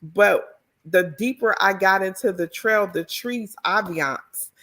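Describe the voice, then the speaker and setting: In an interview, a middle-aged woman from the D.C. area, who works as an author and educator, recounts her story as a lively, expressive storyteller. She speaks slowly in a medium-pitched voice.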